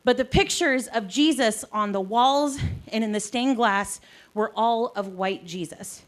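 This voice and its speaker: A woman's voice: on the high side, a little slow. A young adult woman from South Texas, a pastor giving a chatty, self-deprecating talk to a live audience with frequent ums. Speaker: pastor and faith organizer.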